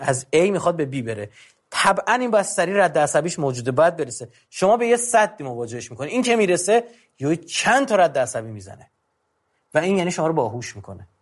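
Man giving a lively, emphatic talk. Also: fairly high pitch. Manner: conversational, emphatic, lists numbered tips. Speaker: lecturer. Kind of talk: informal talk on controlling anger.

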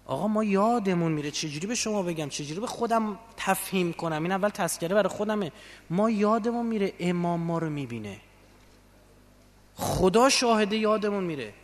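Fervent high-voiced preacher in a reverberant hall. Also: male voice. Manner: fervent, swings from quiet to loud emotional peaks. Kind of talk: religious sermon. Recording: long reverb of a large hall.

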